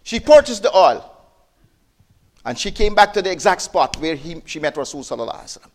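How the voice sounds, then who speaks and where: A man giving a sermon as a preacher, telling a story with emotive rises and hushed drops, repeating words and restarting. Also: very animated, quick pace. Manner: emotive, rises and drops sharply in pitch and loudness; repeats words and restarts, non-native phrasing.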